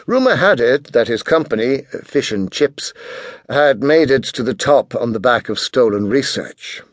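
A mid-pitched male narrator reads fiction in an expressive audiobook style, his intonation very lively and swooping. He takes an unhurried pace, and the recording is dry and close.

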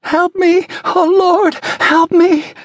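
A male audiobook narrator voicing a terrified, injured woman who pleads and screams for help in a frantic, high voice. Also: little pitch movement, slow, no room sound. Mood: desperate. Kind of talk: audiobook character voice.

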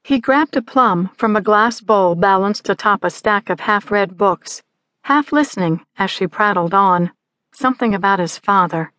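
A woman's voice: medium pitch, moderate pace, a bit bright, no room sound. Woman narrating a novel, dry close sound. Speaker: audiobook narrator. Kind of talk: scripted literary narration.

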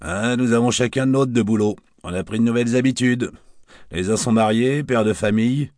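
A man's voice: medium pitch, moderate pace, a little mellow, no room sound, studio quality, voice pushed up, close to an everyday voice. A man voicing a wisecracking middle-aged male barman with slangy, bantering talk. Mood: jovial banter.

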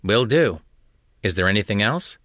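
Man voicing a brisk obliging deputy. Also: on the low side, expressive, a bit bright, dry recording, studio quality. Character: dutiful male police deputy.

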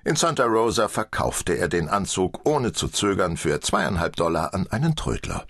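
A man narrating an audiobook in expressive storytelling fashion. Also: sits low, normal speed, breathy edge, no echo, clean studio sound.

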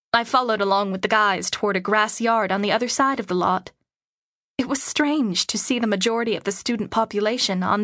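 A woman narrates a novel in the first person, measured and steady. Her voice sits fairly high and the studio recording is dry and close. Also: dry recording. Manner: measured, storytelling. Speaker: audiobook narrator.

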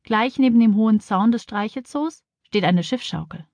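Female narrator for a children's audiobook, clear storytelling, dry close studio mic. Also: on the high side, normal speed, a little mellow, no room sound.

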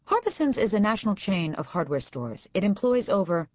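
A woman's voice: mid-range voice, sing-song, a little fast, dry recording, voice pushed up. A woman voicing an eager, nervous young female lawyer in an audiobook, with a dull, dry studio sound.

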